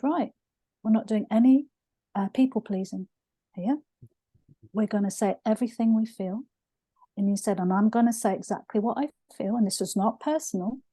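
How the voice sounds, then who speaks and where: A woman's voice: medium pitch, mellow, dry recording. A middle-aged woman hosting a podcast interview, telling stories in a heartfelt way. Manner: heartfelt storytelling. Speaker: podcast host. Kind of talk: conversational interview.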